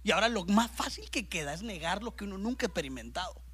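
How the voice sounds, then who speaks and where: A man preaching a sermon as pastor to a congregation in a church service. He is animated, swinging between loud bursts and hushed asides, and keeps calling his listeners brother. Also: high-pitched, fast, husky.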